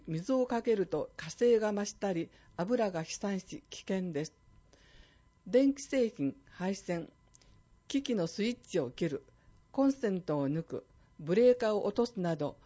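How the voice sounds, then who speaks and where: A woman announcer reading a scripted fire department public service announcement in a clear, measured way. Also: mid-range voice, warm tone, lo-fi sound.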